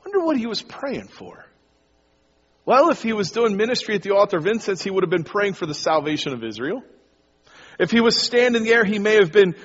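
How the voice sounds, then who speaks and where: A man's voice: high-pitched, slightly rough. A man preaching a sermon as pastor, talking casually and directly to his congregation. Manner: conversational, addresses the congregation casually. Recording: dull lo-fi sound with long hall reverb.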